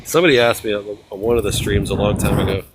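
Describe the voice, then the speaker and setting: Man talking up over very loud wind. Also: on the low side, steady tone, fast talker. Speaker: live streamer. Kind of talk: casual livestream chat. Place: outdoors on a windy rocky beach. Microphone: microphone on a livestream rig. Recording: very loud wind and surf noise. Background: crashing waves, loud wind.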